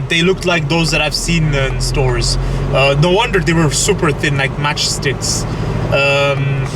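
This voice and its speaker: Driving along, a young man from Belgium who makes food vlogs talks to his audience via a camera on the dashboard. His voice is on the high side, and his chatty, casual delivery is hesitant, full of restarts, over a backdrop of car and road noise.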